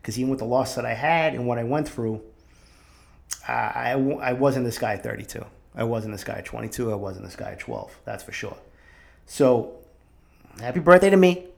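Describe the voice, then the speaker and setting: A man's voice: mid-range voice, normal speed, creaky. A man in his forties from Boston, hosting a solo podcast in a candid, reflective and profane way. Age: 40s. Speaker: podcast host.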